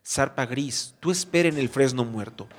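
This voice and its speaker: A man's voice: medium pitch, normal speed, close to an everyday voice. Man doing an urgent young apprentice cat. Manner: urgent, planning delivery. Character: young male apprentice cat, quick and determined. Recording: background music bed.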